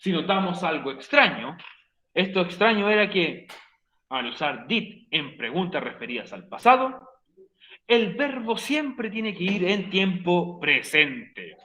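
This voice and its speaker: A high, bright male teacher explains grammar to his online class, teasing students and repeating each rule. The sound is roomy, with a dull, lo-fi stream quality. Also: very animated, unhurried. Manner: playful, joking with students; repeats key points for the class. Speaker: English teacher.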